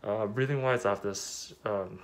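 A man's voice: lowish voice, moderate pace, a little hiss or hum. A man reviewing a product in a casual, rambling way, speaking through a cloth mask. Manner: rambling, lots of fillers.

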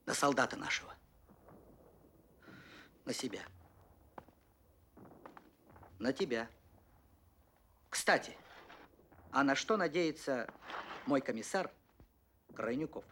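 A man's voice: medium pitch, lively intonation, slow pace, long pauses, fairly bright tone, a little hiss or hum. A man playing a firm, fatherly middle-aged front commander in a war film. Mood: frank, resolute.

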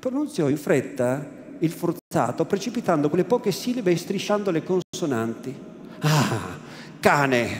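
A man giving a measured, theatrical reading of a classic novel in a large cathedral. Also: a little high, sing-song, darkish tone, a little hiss or hum. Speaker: reader. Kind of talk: dramatic literary reading. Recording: echoey cathedral, faint ambience.

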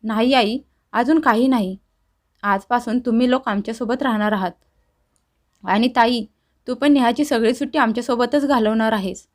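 A man's voice: very high-pitched, normal speed, long pauses. A woman narrator voicing a remorseful grown son who talks earnestly and tearfully to his family. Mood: warm.

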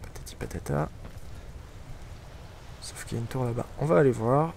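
Guy playing a game and muttering dry little jokes, kinda gravelly voice, noisy recording. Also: mid-range voice, moderate pace. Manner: wry, muttering asides to himself. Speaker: let's play gamer. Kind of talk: casual gameplay commentary.

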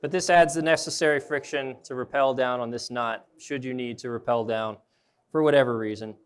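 A man's voice: mid-range voice, steady tone, brisk, clear, resonant tone. A young man, an arborist trainer, giving a casual live demonstration at an indoor trade show booth and thinking aloud as he handles his gear.

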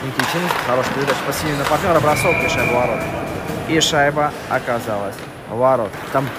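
A man giving live ice hockey commentary with loud rink noise behind him. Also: medium pitch, fast, loud music behind the voice.

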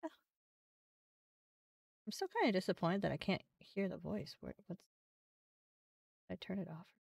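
A woman's voice: on the low side, sing-song, unhurried, gravelly, darkish tone, husky, no room sound, far from the mic. A young woman streaming a game, chatting casually and thinking aloud as she goes, with the odd swear word. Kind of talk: casual live-stream commentary.

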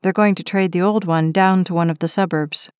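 A woman's voice: on the low side, fairly even intonation, a little fast, clear, resonant tone, no room sound, studio quality, lightly acted. A woman reading the part of an injured young firefighter who talks in a timid, matter-of-fact way. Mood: plain. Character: injured young firefighter man, frustrated but gentle. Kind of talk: audiobook character reading.

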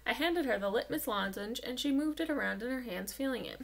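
A woman's voice: fairly high pitch, lively intonation, fairly quick, vocal fry. A woman reading a children's novel aloud with an engaged storytelling delivery. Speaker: audiobook reader.

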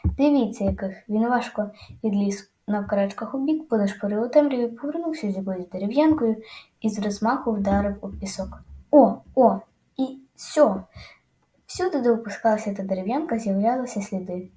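A woman narrating a children's audiobook with lively, dramatic storytelling. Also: medium pitch, fast, roomy sound.

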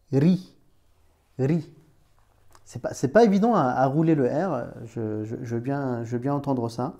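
Guy teaching arabic letters, mellow voice, talks to you like a buddy. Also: medium pitch. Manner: chatty, addresses the learner as "tu", many restarts. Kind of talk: informal screen-recorded lesson.

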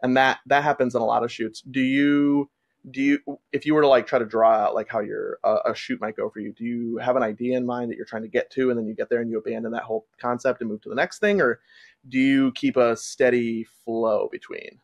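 A man with a gravelly, creaky voice talks loosely about his work as a wedding photographer. His delivery is relaxed and rambling, full of "like" and restarts, as he hosts a laid-back conversation. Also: medium pitch, fairly quick, highs cut off. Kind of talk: casual conversation.

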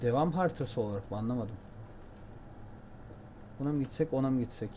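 Excitable Turkish gamer man, playful. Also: mid-range voice, fairly quick, a little hiss or hum. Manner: chatty, excitable, jokey, shouts at the game. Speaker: gameplay commentator. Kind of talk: casual let's-play commentary.

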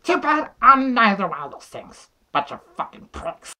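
A young man voicing a grumpy, foul-mouthed little toy penguin with a raspy, abrasive delivery. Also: very high-pitched, very animated, normal speed, pushed and bright, pitched above the performer's own voice, exaggerated voice. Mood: bitter. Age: young adult. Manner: abrasive, sarcastic swearing. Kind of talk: amateur puppet comedy skit. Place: small bedroom indoors.

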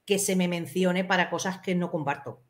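A woman guest on a live chat, speaking in a measured, firm way as she explains herself. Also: on the low side, steady tone. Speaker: stream guest.

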